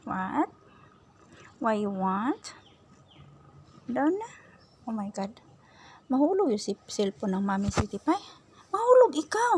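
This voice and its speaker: A woman's voice: mid-range voice, big pitch swings, takes it slowly, pauses often, a little mellow, slight background noise. A woman talking doting baby talk to her cat at home, mixing Tagalog and English. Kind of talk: casual baby talk to a pet. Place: outdoors at home after sweeping.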